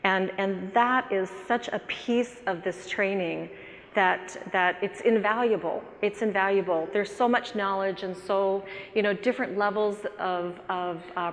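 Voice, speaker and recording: A woman speaking on stage, earnest and grateful, stopping and restarting as she talks. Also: mid-range voice. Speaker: guest speaker, real estate agent. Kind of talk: onstage speech. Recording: hall reverb with faint noise.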